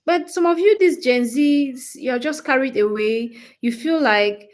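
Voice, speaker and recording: A woman in her twenties with a Cameroonian English accent, a livestream host who creates English-teaching content, chats casually with her viewers. Her voice is high and unhurried, and she comes across as animated, opinionated and emphatic.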